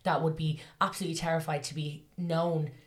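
A young woman hosting a podcast, talking quickly and emphatically in a relaxed back-and-forth. Her voice sits low for a woman. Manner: quick and emphatic, warm interjections. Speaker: podcast host. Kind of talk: casual chat.

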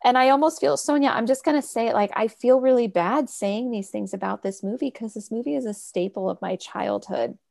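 A woman co-hosting a casual movie podcast, rambling with halting restarts and bursts of excitement. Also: fairly high pitch, creaky. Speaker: podcast co-host. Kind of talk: casual chat about a movie.

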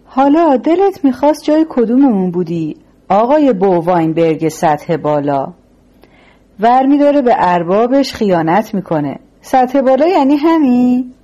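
A woman's voice: lowish voice, dark tone, highs cut off. A woman voicing a defiant, foul-mouthed male gangster who hurls scornful insults.

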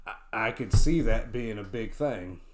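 A man's voice: fairly low pitch, a little slow, a little hiss or hum. Rambling man talking wrestling, echoey room. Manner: rambling, repeats words and says "you know" a lot. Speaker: podcast co-host. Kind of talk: casual wrestling chat.

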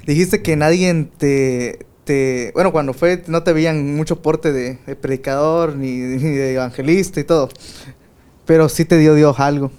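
A man with a soft, boyish voice that sits fairly high for a man. He chats casually in a small home studio, circling his points with fillers and breaking into laughs. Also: steady tone, unhurried, smooth. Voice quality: light, boyish voice. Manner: laughs often, rambling with many fillers. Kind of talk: casual chat.

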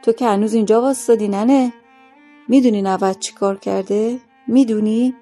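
A woman's voice: medium pitch, steady tone, vocal fry, warm tone, faint music behind. A woman doing a stern scolding school vice-principal. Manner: stern and lecturing, ill-tempered.

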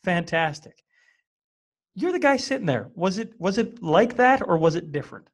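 Brief: male interview host from Western Canada, slightly high voice, relaxed rambling questions. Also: normal speed. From small-town Western Canada. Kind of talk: casual interview.

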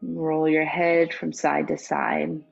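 A woman teaching yoga, giving slow, soothing instructions for the final rest and closing. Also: low voice, little pitch movement, creaky. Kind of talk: guided yoga cool-down. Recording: dull lo-fi with faint music. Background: soft background music.

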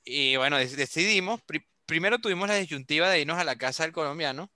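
A man's voice: on the high side, lively intonation, fast talker, bright, forceful tone, no room sound, studio quality. A young Venezuelan man telling a story in a casual chat over a video call, acting out the voices of others.

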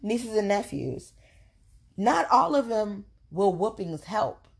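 Animated woman co-hosting a podcast chat. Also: mid-range voice, slow pace, gravelly. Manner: animated, emphatic storytelling. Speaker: podcast co-host. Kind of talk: casual chat.

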